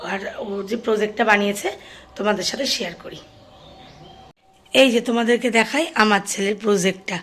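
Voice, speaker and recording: A hoarse woman in her thirties, a mother chatting through her daily routine in a casual vlog. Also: mid-range voice, a little hiss or hum. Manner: chatty, addresses viewers directly. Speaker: vlogger and mother.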